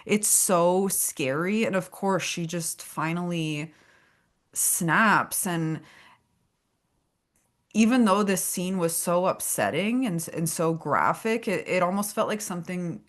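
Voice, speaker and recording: A woman's voice: on the low side, takes it slowly. A woman hosting a podcast interview, talking in an earnest, thoughtful way. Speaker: podcast host and therapist. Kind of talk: casual interview conversation.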